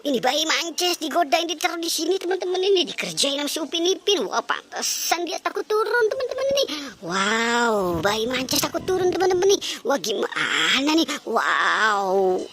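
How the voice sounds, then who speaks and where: A woman's voice: high-pitched, very animated, moderate pace, background noise. A woman narrating a children's toy adventure video at home, exclaiming "wow" constantly and calling out to her young viewers. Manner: constant "wow", addresses "teman-teman". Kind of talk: excited narration for kids. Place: at home, corner of a house.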